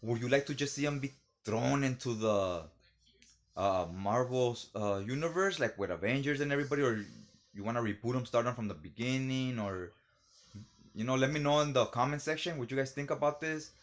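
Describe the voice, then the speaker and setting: A man's voice: medium pitch, a little fast. A man hosting his own vlog, talking loosely and rambling in casual commentary while a little tipsy from drinking. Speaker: video host.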